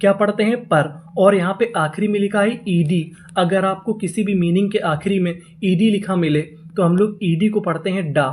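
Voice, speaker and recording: Slow, repetitive reading teacher. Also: mid-range voice, steady tone. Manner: asks a question, then answers it right away; spells words letter by letter and draws them out slowly. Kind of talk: classroom lesson for Hindi speakers.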